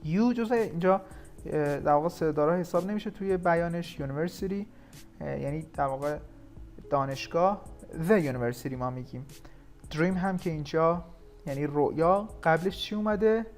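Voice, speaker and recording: Man teaching grammar over soft music. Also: on the high side. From Iran. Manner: explanatory, slows down to read English examples. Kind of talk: recorded grammar lesson.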